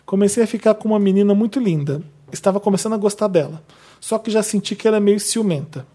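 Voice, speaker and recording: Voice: medium pitch, fast talker, warm tone, slightly rough. A podcast co-host reading a listener's letter aloud with playful, wry asides. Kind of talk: casual chat, reading aloud.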